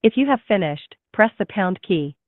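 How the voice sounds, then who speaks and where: A woman's recorded automated phone menu message, announcing options slowly and politely, heard through a phone call. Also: medium pitch, lively intonation, dry recording. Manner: slow, measured, polite announcing. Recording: tinny dry phone line.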